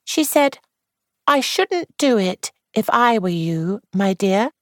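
A woman's voice: on the high side, lively intonation, slow, no echo, studio quality, voice pushed up. A woman reading aloud and voicing a young actress who sounds anxious, dramatic and confiding.

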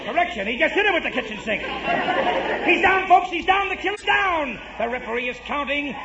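A frantic ringside radio announcer. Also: male voice, very high-pitched, creaky, exaggerated voice. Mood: excited. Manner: rapid excited play-by-play, shouting. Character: breathless excitable male ringside radio announcer. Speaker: fight announcer. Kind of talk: 1940s radio comedy sketch. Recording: lo-fi old radio broadcast with loud crowd and noise.

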